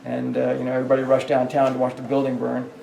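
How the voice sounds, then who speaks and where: A man with a gravelly, dark mid-range voice speaks quickly in a completely flat delivery while leading a hotel ghost tour. His stories ramble, with many fillers and restarts. He's off-mic at a distance in an echoey hallway, with slight background noise.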